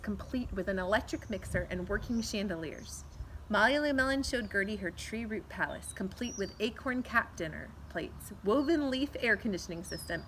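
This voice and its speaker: Reading a children's picture book aloud on a backyard patio, a middle-aged American woman speaks to young pupils like a teacher, drawing out words and adding little asides. Her voice is medium-pitched and a bit bright. The camera sits a few feet away, and faint outdoor noise is audible.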